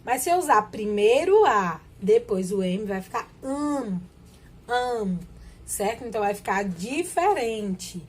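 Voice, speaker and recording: A woman's voice: mid-range voice, very animated, moderate pace, hardly any pauses, slightly rough. A woman teacher, giving a children's literacy lesson and patiently sounding out syllables one at a time.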